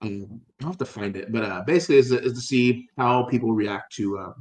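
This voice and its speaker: A man's voice: mid-range voice, fairly quick, a little mellow, echoey room. A man co-hosting a casual chat, rambling with many fillers and restarts and casual swearing. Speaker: podcast co-host.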